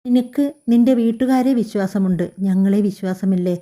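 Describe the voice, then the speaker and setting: A woman reads out a stern, cold mother-in-law with a very dark, mellow tone. She speaks in demanding, clipped storybook lines. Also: mid-range voice, normal speed, close to an everyday voice.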